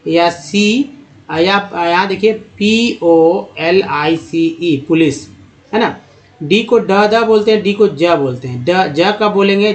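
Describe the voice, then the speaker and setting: A man teaching pronunciation step by step, addressing viewers as friends. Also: high-pitched. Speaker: English teacher. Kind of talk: teaching lesson.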